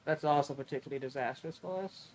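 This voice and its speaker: A man's voice: on the high side, fast, a little hiss or hum. Guy streamer rambling along casually, swears a lot, stretches his words out.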